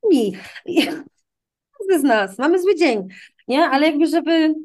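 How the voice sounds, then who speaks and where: A woman's voice: sits high, moderate pace. A woman who teaches English to children, telling classroom anecdotes in a casual interview, acting out the exchanges and often ending with a tag question. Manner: animated anecdotes, acts out quoted exchanges, frequent tag questions.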